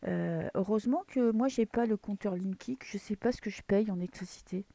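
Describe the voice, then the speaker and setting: A tarot reader with a French accent chats casually as she reads the cards, rambling with plenty of fillers and restarts. Her mid-range voice is fairly quick, creaky and dark in tone. She is in a dim room at home in the early morning.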